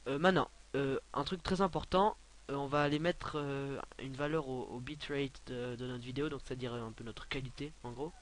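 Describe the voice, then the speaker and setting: A young man giving a casual, rambling software tutorial, filling his talk with hesitations and offhand asides. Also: mid-range voice, steady tone, a little fast, a little hiss or hum. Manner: rambling, many filler sounds, offhand asides. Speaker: tutorial maker.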